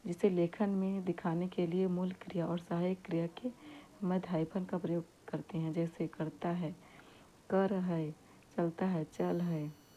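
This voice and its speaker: A woman teaching a grammar lesson at a very slow, measured pace, reading out each example word and then saying it again. Her voice is fairly low and mellow. A faint low rumble sits under the recording. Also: little pitch movement, muffled recording. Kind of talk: exam-prep grammar lesson.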